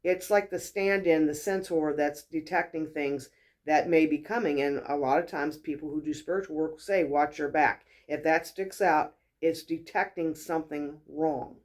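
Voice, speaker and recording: A chatty woman hosts a casual spiritual teaching talk. She tells stories in a lively, conversational way and acts out the voices of the people she quotes. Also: low voice, moderate pace. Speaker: host, wellness mentor.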